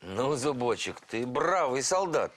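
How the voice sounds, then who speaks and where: A man voicing a friendly, reasonable mentor in a children's cartoon, speaking in a gently instructive way. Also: mid-range voice, sing-song, unhurried. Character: friendly, reasonable male mentor called Lyosha.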